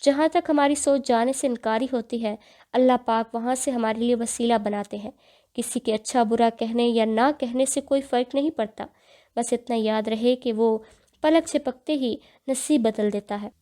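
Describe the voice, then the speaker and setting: A woman's voice: fairly high pitch, mellow. A woman narrating a novel aloud in an earnest storytelling manner. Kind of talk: dramatic audiobook narration.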